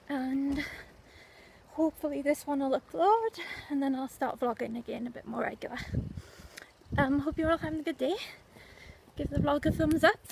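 A woman's voice: sits high, creaky. A young woman, chatting casually and a little out of breath while vlogging on a windy street, full of fillers and asides. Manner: chatty, rambling with many fillers. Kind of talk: casual walking vlog. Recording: faint background noise, wind.

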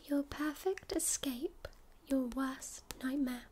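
A woman voicing a friendly, patient librarian in a whispered role-play, speaking in a soft, soothing library whisper. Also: high-pitched, fairly even intonation, slow pace, slight background noise. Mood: gentle, accommodating. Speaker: ASMR performer playing a librarian.

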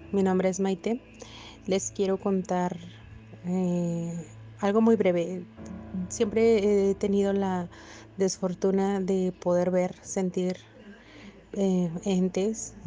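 Flat-toned, mellow woman. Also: medium pitch, slight background noise. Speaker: follower telling her own paranormal story. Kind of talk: casual spoken storytelling.

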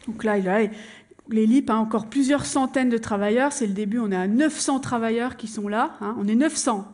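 Animated woman storyteller on stage. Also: fairly high pitch, normal speed. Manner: animated, addresses the audience, acts out scenes. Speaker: stage performer telling a true story. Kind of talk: lively stage storytelling to an audience.

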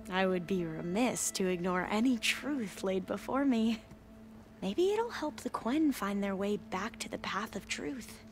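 Over loud background music, an actress voices an excitable young woman scholar in video game dialogue. Lightly acted in a mid-range voice, she gushes earnestly, rambling, and turns halting and self-correcting when flustered.

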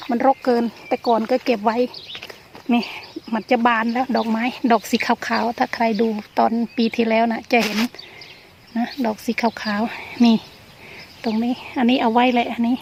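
A woman's voice: a little high, a little mellow. An older woman chatting casually as she vlogs in her garden, pointing things out as she goes. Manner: chatty show-and-tell, often pointing things out. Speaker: gardening vlogger. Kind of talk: casual vlog chat while gardening. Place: outdoors in a rural garden. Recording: outdoor recording with clear background noise.

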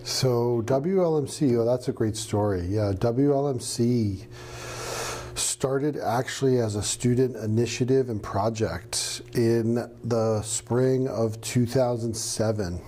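Mellow-voiced professor from New Hampshire. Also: male voice, mid-range voice, takes it slowly, a little hiss or hum. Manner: relaxed storytelling with fillers. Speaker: radio professor. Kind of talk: interview answers. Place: studio with green screen.

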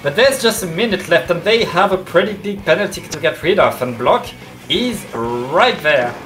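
Esports co-caster, mid pitch, enthusiastic and a bit halting, faint music underneath. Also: lively intonation, a bit bright. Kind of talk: esports color commentary.

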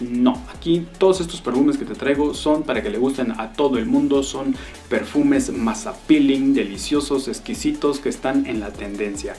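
A man talks through a perfume review with plenty of relish, breaking into savoring sighs and exclamations. His voice sits at an ordinary middle pitch, and faint music plays behind him. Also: a little mellow. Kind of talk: casual review vlog.

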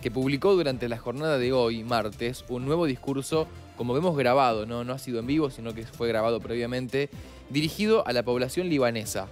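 A male news anchor reads the day's international report in a measured, formal manner. His pitch sits in a middle range for a man. Soft music plays beneath him. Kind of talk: newsroom co-anchoring.

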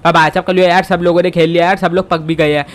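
A man's voice: high-pitched, level tone, fast talker, pitched below the performer's own voice, natural voice. Grumbling young hero, voiced by a man, chatty and exasperated. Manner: exasperated, chatty, addresses viewers. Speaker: gaming channel host. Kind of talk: comic fan dub over gameplay.

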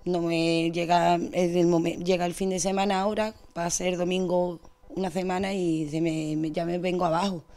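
A woman's voice: fairly low pitch, level tone, mellow. Distressed young Andalusian woman. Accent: Andalusian Spanish. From Spain. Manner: distressed, rushed retelling. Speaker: interviewee. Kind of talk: emotional testimony.

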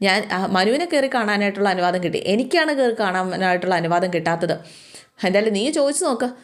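A woman voicing a stern, resentful middle-aged mother who scolds with sharp questions. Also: medium pitch, lively intonation, quick pace, close to an everyday voice.

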